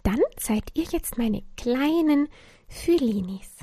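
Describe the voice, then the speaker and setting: A woman voicing a gentle, thoughtful young girl in a bedtime story, speaking softly. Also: high voice, lively intonation, slow, breathy edge, no echo, clean studio sound, exaggerated voice.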